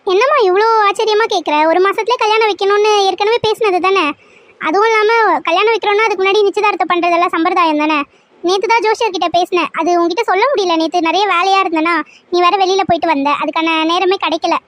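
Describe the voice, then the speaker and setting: A woman's voice: extremely high pitch, steady tone, fast talker, fairly bright tone, no room sound. A woman voicing a boastful, fussy middle-aged aunt arranging a wedding in a cartoon serial. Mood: explaining.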